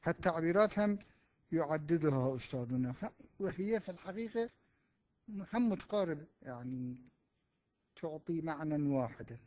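A male seminary teacher works through a point of religious law at a deliberate pace, pausing and correcting himself as he goes. The recording is dry and close, with a slightly muffled, dull tone. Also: a little high, expressive, no echo. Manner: deliberate, with pauses and self-corrections.

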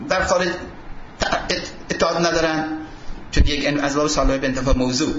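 A man's voice: high-pitched, a bit bright. A man giving a seminary lecture, quoting Arabic texts and posing fill-in questions to his students. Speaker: seminary teacher. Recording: roomy dull recording with faint hiss.

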